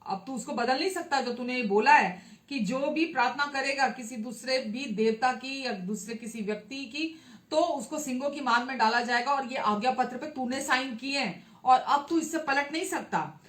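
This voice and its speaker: A woman preaching a sermon, her voice sitting a little higher than most and ringing through an echoey room. She reads the scripture passage aloud and then explains it in her own words. She pauses often and breaks in with amens. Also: fairly bright tone. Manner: frequent hesitations and amens. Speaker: pastor.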